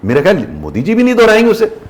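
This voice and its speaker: A man's voice: high voice, fast talker. A man in his sixties, a retired senior civil servant, giving earnest interview answers and often switching into English. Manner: emphatic, animated, earnest explaining.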